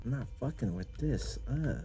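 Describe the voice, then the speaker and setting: A young man plays a horror game and talks to his viewers, swearing freely at every scare. His voice is mellow in tone but jumps around a lot in pitch. Faint keyboard clicking sits under the talk. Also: expressive, normal speed, slight background noise. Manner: profane, jumpy reactions. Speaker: gaming YouTuber. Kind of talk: casual game commentary.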